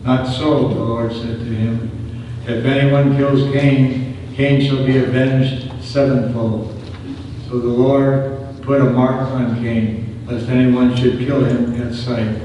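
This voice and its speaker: Solemn lector in cathedral echo. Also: male voice, medium pitch, little pitch movement, dark tone. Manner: slow, solemn reading. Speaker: lector and psalm cantor. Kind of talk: scripture reading and chanted psalm at Mass. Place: large church. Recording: distant voice in an echoing church hall with background noise.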